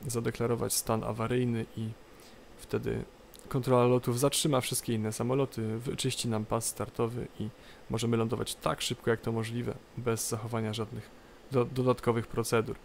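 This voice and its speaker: Creaky-voiced man giving a halting tutorial. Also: mid-range voice. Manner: halting, explanatory, repeats phrases. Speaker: tutorial presenter. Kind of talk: unscripted game tutorial commentary. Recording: light background noise, game cockpit ambience. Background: flight simulator cockpit ambience.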